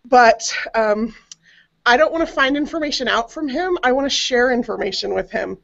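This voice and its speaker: On a genealogy web show, a middle-aged American woman serving as a panelist casually shares a personal family story over a webcam video call. Her voice is a little high, expressive, creaky and a bit bright at a moderate pace, and the internet call audio sounds dull and compressed.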